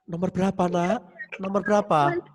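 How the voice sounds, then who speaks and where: A man's voice: high voice, fairly even intonation, moderate pace. A male religion teacher giving an online class to young pupils over a video call, patient and soothing, dictating and repeating "ya" often. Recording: roomy, long reverb.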